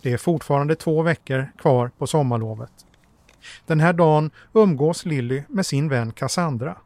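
A man giving calm, measured, scripted narration as a documentary narrator. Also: fairly high pitch, dry recording.

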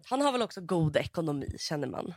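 A woman's voice: low-pitched, sing-song, darkish tone, dry recording, studio quality. A woman co-hosting a podcast in casual chat, asking questions and reacting briefly. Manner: asks questions, short reactions, laughs along. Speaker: podcast co-host.

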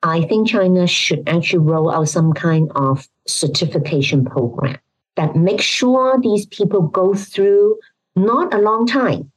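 A woman from Hong Kong with a husky, medium-pitched voice is heard on a low-quality recording. As an expert guest and health policy professor, she answers interview questions and explains her views in an opinionated, emphatic way, often posing rhetorical questions.

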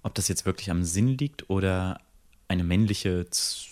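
A woman co-hosting a casual podcast chat in relaxed, playful banter. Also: extremely low pitch, measured pace. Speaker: podcast co-host.

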